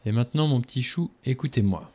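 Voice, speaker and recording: A man's voice: mid-range voice, quick pace, mellow, husky, natural voice. A man reading a novel aloud, voicing a menacing, mocking adventurer in a raised, snarling voice. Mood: sneering.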